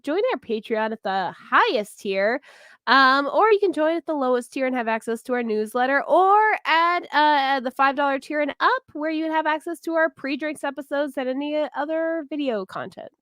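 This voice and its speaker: A woman co-hosting a casual podcast, talking informally with vocal fry and lots of "like" and "um". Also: sits high, lively intonation, moderate pace, fairly bright tone, dry recording, studio quality. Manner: informal, frequent "like" and "um". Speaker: podcast co-host.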